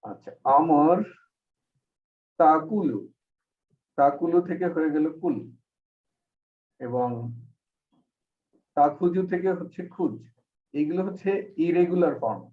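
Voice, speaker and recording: A man's voice: fairly high pitch, takes it slowly, long pauses. A man teaching an online Arabic grammar class, explaining patiently step by step. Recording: echoey, distant, phone-like call audio.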